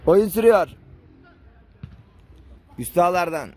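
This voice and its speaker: A man commentating live on an amateur football match, screaming drawn-out goal calls. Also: sits high, animated, over music.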